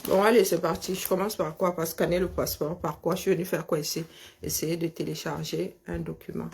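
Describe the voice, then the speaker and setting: Woman, slushy lisped s, gravelly fry, husky tone, lowish pitch, casual hesitant chat. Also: steady tone, a little mellow. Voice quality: lisp with slushy s sounds; husky, creaky voice. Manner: hesitant, halting, repeats words while thinking. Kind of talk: casual chat, talking to herself and on a phone call.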